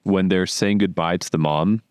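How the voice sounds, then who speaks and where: A young man with a very deep voice chats about a movie in a slangy, blunt way, pausing on fillers as he thinks. He sounds close and dry on the mic. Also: steady tone, darkish tone, smooth, dry recording. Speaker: podcast co-host. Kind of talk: casual movie review chat.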